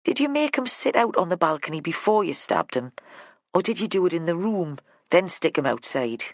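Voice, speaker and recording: A reader voicing a blunt middle-aged female detective, gruff and matter-of-fact, with dry humour. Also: on the low side, sing-song, moderate pace, dry recording. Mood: probing.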